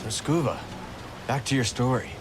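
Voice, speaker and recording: An actor playing a calm young male adventurer in a video game, speaking in an understated, dry way. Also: medium pitch, normal speed, music in the background, close to an everyday voice. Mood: friendly, curious. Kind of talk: video game character dialogue.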